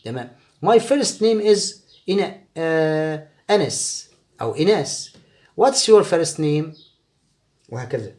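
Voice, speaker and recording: A man with an Egyptian Arabic accent teaching an English exam review. He explains the grammar in Arabic and reads the English example sentences slowly and clearly. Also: fairly high pitch, big pitch swings, a little mellow.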